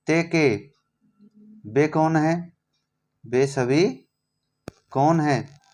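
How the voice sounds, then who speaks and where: Male teacher, unhurried and patient, reads a term aloud and then unpacks it. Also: on the high side, darkish tone. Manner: slow, patient, reads a word then explains it. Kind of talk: explaining a lesson.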